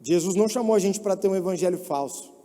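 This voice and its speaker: High-voiced young preacher, reverberant hall. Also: male voice, quick pace. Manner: shifts from soft and low to loud mock voices. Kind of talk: sermon.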